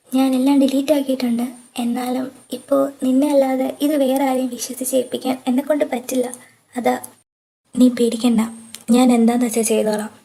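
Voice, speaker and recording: A woman's voice: high-pitched, mellow. A woman voicing the characters of an amateur audio drama, delivering the dialogue in an earnest, emotional way.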